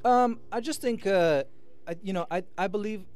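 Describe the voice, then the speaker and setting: A high-pitched, somewhat mellow, clear and resonant male voice speaks at a moderate pace, with faint music in the background. He's an American musician and promoter from Sacramento, California, guesting on a radio station studio interview, talking casually and earnestly, rambling, and often asking "you know what I mean".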